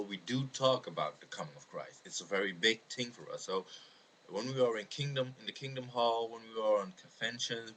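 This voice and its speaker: A Dutch man with a fairly low, bright, forceful voice answers a viewer's question about religion in an unscripted video. He explains his views haltingly and earnestly as an amateur video maker. The audio comes from a webcam microphone in a noisy home recording.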